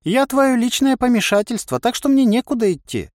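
A man's voice: high voice, very animated, normal speed, no echo, clean studio sound, voice pushed up. A man voicing a talkative, ironic male inner voice with no body that reasons at length. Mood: wry. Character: chatty bodiless male inner voice, wry.

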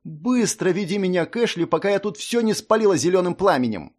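A man's voice: high voice, lively intonation, brisk, voice pushed up. Man playing a young sorceress, icy, dry, clipped, storybook heroine. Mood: furious. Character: cold proud young sorceress.

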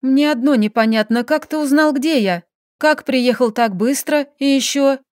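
A woman's voice: high-pitched, moderate pace, dry recording, clean studio sound, close to an everyday voice. A woman playing a tearful defensive young wife. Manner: tearful, pleading, rising to shouts.

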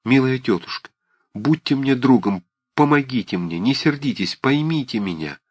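Brief: soft-spoken devout girl, hushed and restrained, dry close read, a male narrator putting her on. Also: medium pitch, expressive, moderate pace, husky, no echo, dull audio, pitched above the performer's own voice. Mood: pleading. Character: quiet, devout young woman, gentle and restrained. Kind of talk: audiobook character reading.

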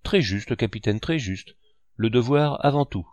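John Silver, a man doing a sly, smooth pirate. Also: mid-range voice, expressive, a little slow, a little mellow, no echo, pitched above the performer's own voice, natural voice. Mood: wheedling. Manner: ingratiating and falsely courteous. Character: sly, smooth-talking one-legged male pirate cook.

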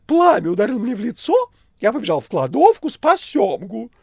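Мужчина озвучивает хвастливого толстого кота-демона визгливым, запыхавшимся, театрально возбуждённым голосом, в аудиокниге. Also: male voice, brisk, creaky, no room sound, clean studio sound, exaggerated voice. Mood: boastful. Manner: shrill, breathless, theatrical excitement. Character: boastful fat demon cat-man, excitable. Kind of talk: audiobook reading.

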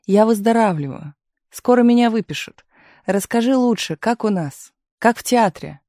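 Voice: medium pitch, moderate pace, dry recording, pitched above the performer's own voice, natural voice. A reader voicing a young actress recovering from illness, pleading and reassuring in turns, recorded in a dry studio. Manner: pleading, then calm and reassuring. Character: young actress Galina, ill but spirited.

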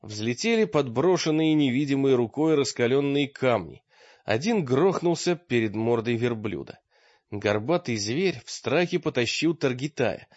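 A man reads a fantasy adventure audiobook at a mid pitch, with a steady, dramatic delivery. The sound is dry with no room echo. It is slightly muffled, like a lo-fi recording. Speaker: audiobook narrator. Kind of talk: scripted fantasy narration.

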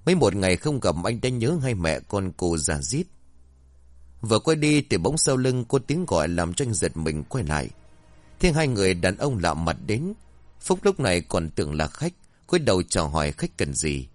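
A man reads a ghost story aloud with an expressive, dramatic delivery. His voice is low-pitched and swings widely in tone. The recording is dry and close with no room sound. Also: normal speed, no room sound.

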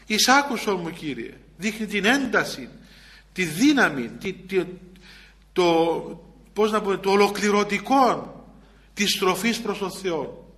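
A man's voice: sits high, lively intonation, pauses often, fairly bright tone. A man, an Orthodox priest, preaching a spiritual sermon in a plain conversational way, repeating phrases for emphasis and often hesitating and restarting. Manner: chants psalm verses in an older liturgical register.

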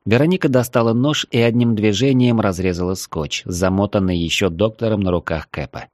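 A man reading an audiobook in a measured, even storytelling manner. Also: lowish voice, dry recording, studio quality. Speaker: audiobook reader. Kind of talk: audiobook narration.

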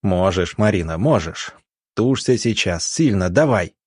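Field doctor, voiced by the narrator; low, terse, firm commands. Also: male voice, lively intonation, unhurried, a little mellow, breathy edge, no echo, studio quality, full character voice. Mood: commanding. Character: calm authoritative field doctor, middle-aged man.

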